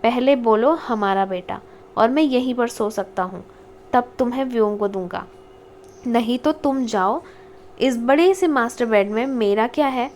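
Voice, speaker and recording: A woman's voice: a little high, unhurried, a little mellow, slight background noise. Woman reading as a sarcastic young husband. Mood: angry. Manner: sarcastic, bickering, teasing. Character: stubborn young husband and father, man. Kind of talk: audiobook character reading.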